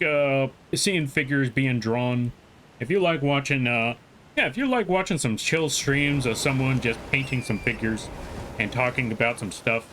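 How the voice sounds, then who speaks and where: A man's voice: mid-range voice, a bit bright, slight background noise. A man streaming a game live, chatting playfully, reading chat aloud and joking with the game as he plays. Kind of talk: live gameplay commentary.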